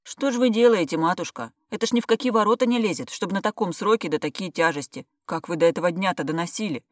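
A woman voicing a brisk, firm female hospital doctor who speaks loudly and bossily. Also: lowish voice, animated, no room sound, clean studio sound. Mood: scolding. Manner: loud, brisk, firm reassurance.

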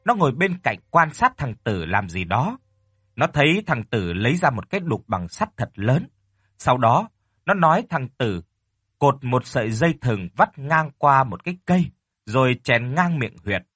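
A man narrating a horror story with a lively storytelling delivery. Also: mid-range voice, normal speed, breathy edge, dry recording. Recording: dry close mic with faint music.

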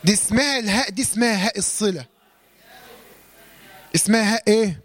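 A man with an Egyptian Arabic accent teaching a Quran recitation lesson in colloquial speech. He keeps asking questions and answering them himself, and he recites the examples slowly. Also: high voice.

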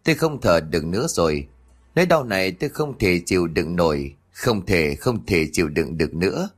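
Male narrator putting on a distraught young heroine, high and rushed, tearful. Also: sing-song, slightly rough, heavily acted. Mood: frantic.

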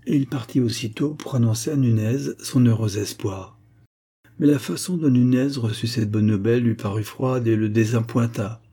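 Husky, mellow male audiobook narrator. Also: mid-range voice. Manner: measured, literary. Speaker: audiobook reader. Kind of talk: scripted narration.

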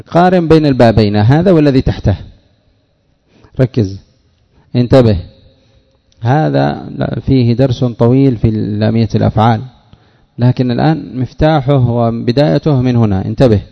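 A man teaching a classroom lesson, putting questions to his students and drilling word patterns slowly. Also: mid-range voice, gravelly. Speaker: teacher of Arabic morphology. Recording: dull audio with long hall reverb.

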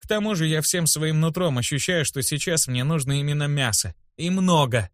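A cocky young slum kid, sarcastic and quick with a comeback. A man plays him, pitching his voice up a little, recorded close and dry. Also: no room sound, natural voice. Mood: cheeky. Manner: wry, cheeky, sarcastic. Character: cocky slum boy in a child's body.

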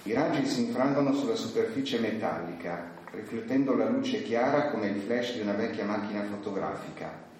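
A man speaking at a book presentation, halting with fillers as he introduces an excerpt, then reading it aloud. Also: fairly low pitch, darkish tone. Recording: echoey room, distant mic, faint noise.

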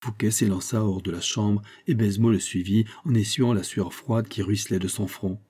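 A man narrating an audiobook in a measured, even reading. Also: lowish voice, slightly rough.

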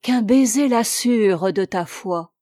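A woman's voice: mid-range voice, slow pace, mellow, no echo, studio quality, lightly acted. A woman voicing an ardent young male captive who pleads with passion in a storybook reading. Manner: impassioned, declaiming.

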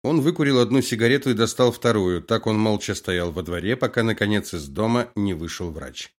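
A man narrating an audiobook in a measured, even reading. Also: fairly low pitch. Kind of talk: scripted narration.

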